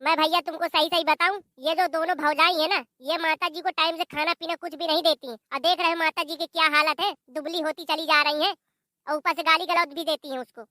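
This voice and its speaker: A woman's voice: very high voice, steady tone, brisk, bright, forceful tone. A woman voicing a fiery young married daughter in a village cartoon, scolding in a confrontational tone with a Bundelkhandi Hindi accent.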